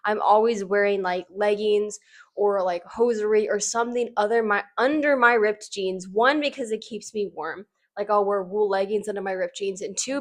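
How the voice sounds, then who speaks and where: A woman giving casual, opinionated fashion commentary in an informal, conversational way, peppering her sentences with "like". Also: medium pitch. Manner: informal, conversational, frequent "like" as emphasis.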